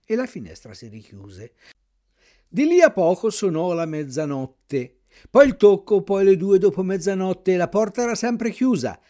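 Animated, high-voiced male storyteller. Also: moderate pace. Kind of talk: reading a children's classic aloud.

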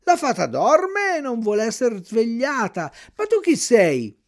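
A man voicing an unhurried, placid snail who speaks slowly and calmly. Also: extremely high pitch, pitched above the performer's own voice, full character voice. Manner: slow, placid, drawn-out. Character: slow, calm old snail, unhurried.

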